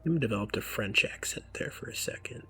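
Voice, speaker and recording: A man giving game commentary in hushed, wry asides. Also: lowish voice, expressive, fairly quick, slight background noise. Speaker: let's-play commentator.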